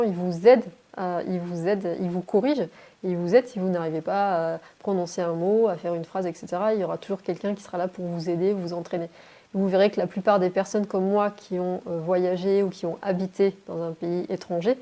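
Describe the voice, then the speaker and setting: Encouraging woman teacher with a mellow voice. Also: fairly low pitch. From France. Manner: encouraging, addresses viewers directly. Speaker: English teacher. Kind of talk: motivational vlog talk to camera. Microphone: phone.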